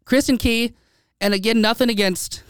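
Chatty podcast host, smooth dry voice. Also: male voice, extremely high pitch, steady tone, normal speed, fairly bright tone, no room sound. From United States. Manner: rambling, with many restarts and fillers. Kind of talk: casual chat. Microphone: studio microphone.

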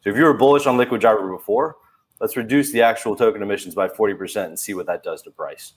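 A man's voice: lowish voice, quick pace. A man on a casual podcast speaking enthusiastically, with many "you know" fillers. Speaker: crypto podcast co-host. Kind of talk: casual chat.

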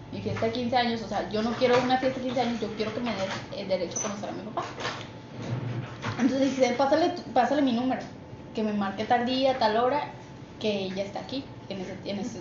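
Chatty Mexican woman telling a story. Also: fairly high pitch. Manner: emotional, chatty, laughs often. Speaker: podcast guest. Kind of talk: casual storytelling. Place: office. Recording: echoey office, muffled, noisy.

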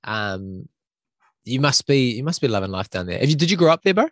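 A man's voice: medium pitch, very animated, a little fast, a bit bright, no room sound, clean studio sound. A man from New Zealand with a New Zealand accent, hosting a podcast in casual Kiwi English sprinkled with Maori greetings and slang. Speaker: podcast host. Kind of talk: casual chat.

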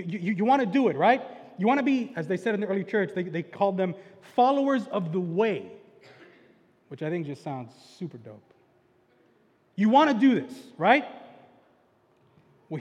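A young man preaching in a loose, chatty way, tossing in "like" and "right?" constantly and building to loud excitement when he retells the story. His voice sits notably high for a man. It rings out with the long, lingering reverb of a large church sanctuary. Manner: relaxed slangy delivery with frequent "like" and "right?" asides. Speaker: pastor. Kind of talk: casual, conversational sermon.

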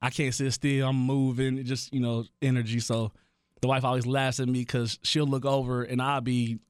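A man's voice: medium pitch, little pitch movement, normal speed, clear, resonant tone, no echo. Chill dude in his 30s, dj, chatting easy with friends, dry close sound. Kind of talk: casual chat.

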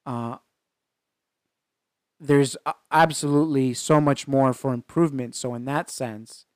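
A man co-hosting a casual faith podcast, talking earnestly in halting phrases with frequent restarts. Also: medium pitch, steady tone, no echo, studio quality. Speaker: podcast co-host.

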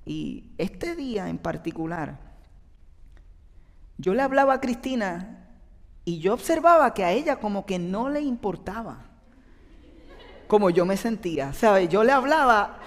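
A youth pastor gives an earnest, confessional sermon testimony, telling his story with animated rises. His voice sits high and sounds gravelly, and he speaks unhurriedly with long pauses. The recording carries long reverb from a large hall.

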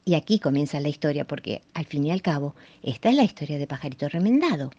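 A woman reading a children's folk tale aloud with an expressive delivery. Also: deep voice, quick pace, muffled recording. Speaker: storyteller. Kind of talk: scripted storytelling for children.

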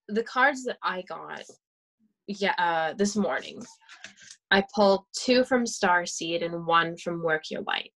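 A woman's voice: fairly low pitch, a bit bright, low-quality recording. A woman in casual conversation about oracle cards and spirituality, chatty, with many fillers and frequent laughs. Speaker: guest.

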